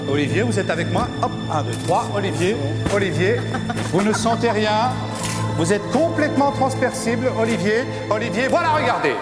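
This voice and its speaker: A man playing a showy stage hypnotist who chants slowly and insistently. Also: sits high, expressive, big-room sound, loud music behind the voice. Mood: coaxing. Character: showy adult male stage hypnotist, bluffing. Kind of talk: comedy sketch.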